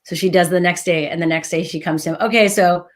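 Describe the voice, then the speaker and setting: A woman talking casually and reflectively, explaining things in an earnest, animated way. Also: low-pitched, quick pace. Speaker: talk host.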